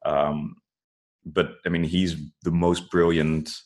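A man's voice: deep voice, flat delivery, takes it slowly. A man talking casually as an interview guest, earnestly giving advice and often saying "like" and "you know". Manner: says "like" and "you know" a lot.

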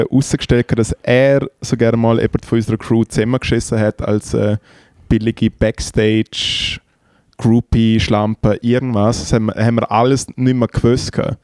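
A man's voice: medium pitch, normal speed, no room sound, studio quality. A man with a Swiss German accent, casually telling crude backstage anecdotes on a podcast. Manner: profane, animated anecdotes with quoted voices. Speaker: podcast co-host, band tour manager. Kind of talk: casual banter, storytelling.

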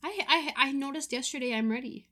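Chatty young woman with a higher voice. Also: sharp tone. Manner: chatty, playful, quick asides. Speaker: podcast co-host. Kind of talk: casual podcast chat.

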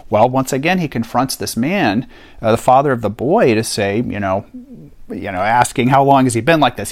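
A man teaching a Bible passage on a podcast in an earnest, conversational way, stressing key points by repeating them. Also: mid-range voice. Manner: earnest, animated, emphatic repetition.

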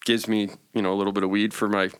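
A man's voice: on the low side, little pitch movement, fast, fairly bright tone, smooth. A man in his forties telling his story as an interview guest, rambling with fillers and restarts. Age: 40s. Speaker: interview guest, cannabis business owner.

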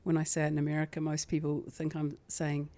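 Woman, New Zealand accent, podcast guest, very low voice, chatty, laughs easily. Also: monotone, quick pace, warm tone. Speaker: guest from a wine website. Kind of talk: casual interview chat.

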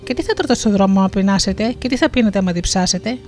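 A storyteller gives voice to a fatherly sun in a spoken folktale, asking gentle, caring questions in a mid-pitched voice. Faint music plays underneath. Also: animated, natural voice. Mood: questioning. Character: kindly sun as a lordly old man.

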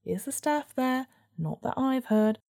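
A woman's voice: high-pitched, animated, unhurried, vocal fry, warm tone, no echo, clean studio sound, voice pushed up, exaggerated voice. A woman voicing a sarcastic, endlessly grumbling weasel in a storybook adventure, ranting in weaselly mock politeness. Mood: sardonic grumbling. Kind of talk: storytelling character voice.

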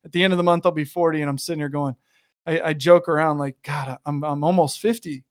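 A man's voice: fairly high pitch, steady tone, quick pace. A man in his thirties hosting a casual interview, chatty and laid-back, calling his guest "dude" and "bro". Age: 30s. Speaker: podcast host.

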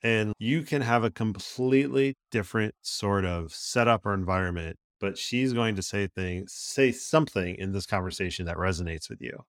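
Man, podcast co-host, playful casual chat, lowish voice, dry close sound. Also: moderate pace, hardly any pauses, no room sound. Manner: joking, playful, quotes people in put-on voices.

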